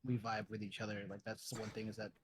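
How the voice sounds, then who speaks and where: A man's voice: fairly low pitch, monotone, quick pace, noisy background. A man, a DJ guest, talking in a rambling way with many fillers. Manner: rambling, filler-heavy, many "you know"s. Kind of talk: casual chat.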